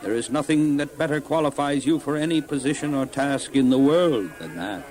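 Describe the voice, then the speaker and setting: An actor playing Moses as a mature, fatherly and earnest leader in a children's audio Bible drama, measured but able to command. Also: medium pitch, background noise, natural voice. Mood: fatherly, resolute. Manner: measured, paternal, questioning, commanding in crisis.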